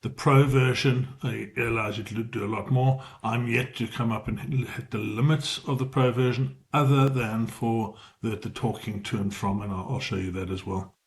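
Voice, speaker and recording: Speaking at normal speed with few pauses, this middle-aged presenter with a South African accent keeps a steady tone in a mid-range voice. He's informal and explanatory in a casual screen-share tutorial, fixing his own slips along the way.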